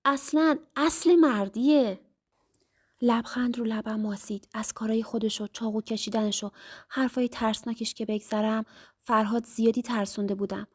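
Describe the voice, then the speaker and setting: A woman narrating a first-person story in an intimate, lively storytelling manner. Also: fairly high pitch, slightly rough.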